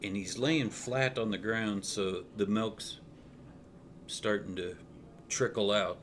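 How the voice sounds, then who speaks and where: A man narrating a tabletop game as game master, playful and lively. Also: lowish voice, slow, slight background noise.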